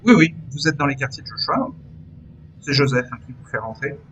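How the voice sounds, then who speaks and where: A man's voice: mid-range voice, animated, brisk, fairly bright tone, muffled recording, slight background noise. Hesitant male game master. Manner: hesitant, many fillers. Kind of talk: running a tabletop game.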